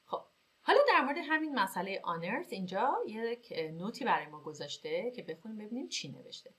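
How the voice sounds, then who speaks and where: A woman teaching English vocabulary in Persian, reading example sentences slowly and clearly, then explaining them briskly. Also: medium pitch, expressive, a bit bright.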